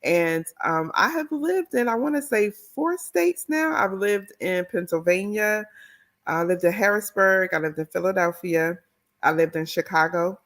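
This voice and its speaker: A woman's voice: mid-range voice, unhurried. A middle-aged woman from the Washington, D.C. area, an author and educator telling her story in an interview. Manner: expressive, animated storyteller.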